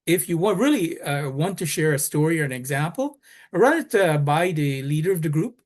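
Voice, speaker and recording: A man with a somewhat high voice shares friendly, practical advice on a video call panel. He hesitates often, filling gaps with "uh" and starting his sentences over. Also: lively intonation, moderate pace. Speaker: advisor on a panel.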